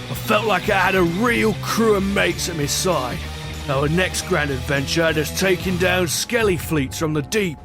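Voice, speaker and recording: A bearded pirate captain played by a man spins his adventure in a rather high voice over music. He is hearty and boastful, with a wistful streak, and talks in salty dialect like a storyteller in an audio drama. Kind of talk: scripted pirate adventure narration.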